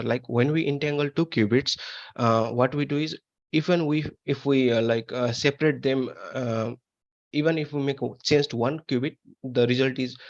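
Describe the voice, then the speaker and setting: Man, academic presenter over a video call, halting delivery full of "uh" fillers, mid-range voice, dull lo-fi call audio. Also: mid-range voice. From Nepal. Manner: halting, many "uh" fillers and restarts. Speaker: conference presenter. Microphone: computer mic on a video call.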